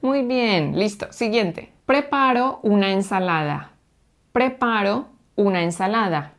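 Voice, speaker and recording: Slow, patient Spanish teacher woman. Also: mid-range voice, animated. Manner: patient, slow, stresses each syllable. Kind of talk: slow, clear language drill.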